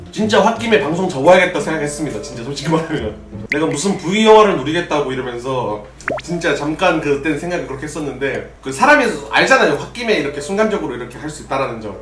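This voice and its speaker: Young man, Gyeongsang accent, high and animated streamer voice, distant roomy mic with faint music under him. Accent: Gyeongsang Korean. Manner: casual, rambling, answers chat questions. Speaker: streamer, former pro gamer. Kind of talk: solo drinking livestream chat.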